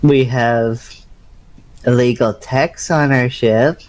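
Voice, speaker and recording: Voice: medium pitch, fairly even intonation, takes it slowly, darkish tone. A bubbly, giggly player in a tabletop role-play game.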